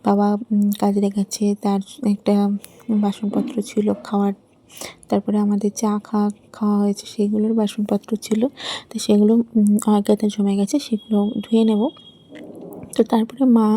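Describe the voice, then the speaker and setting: A woman's voice: medium pitch, warm tone. A young woman, a mother of two little girls, chatting casually at home as she vlogs her day, rambling with lots of fillers. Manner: chatty, rambling, fills pauses with "I mean". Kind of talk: casual home vlog narration. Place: at home, bedroom and kitchen.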